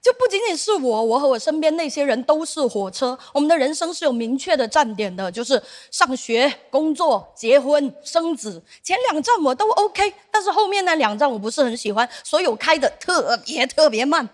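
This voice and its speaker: A woman's voice: sits high, lively intonation, a little fast, hardly any pauses. A young woman performing a stand-up comedy set, telling stories and acting out the people in them. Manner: storytelling, acts out quoted voices. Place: theater stage with audience.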